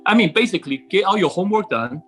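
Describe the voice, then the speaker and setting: A middle-aged man from Taiwan with a high voice and lively intonation is a guest in a casual podcast conversation. He's earnest and halting, rephrasing as he goes, with soft music playing in the background.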